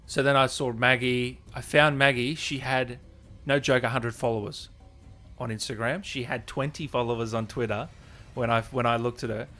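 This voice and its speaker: A male host of a gaming channel livestream chats unscripted to his viewers as if they were friends, calling them guys and brother in a chummy, informal style. His mid-range voice is steady in tone, pushed and bright, at a moderate pace. Soft music plays in the background.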